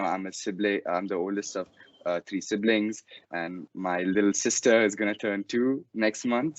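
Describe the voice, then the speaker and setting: A man's voice: deep voice, no room sound. A teenage boy from Dubai, a student guest, speaking politely with many "you know"s. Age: teens. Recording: dry lo-fi call audio.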